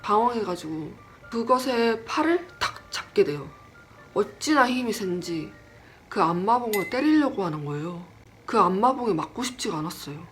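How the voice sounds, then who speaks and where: Woman, casual horror storyteller, animated delivery, acts out quotes, medium pitch. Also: moderate pace, faint music behind. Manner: lively, acts out quoted lines; self-deprecating, chatty asides.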